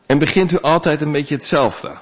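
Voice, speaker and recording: A male pastor giving a sermon in a conversational, animated way, with big swings in pitch. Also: moderate pace.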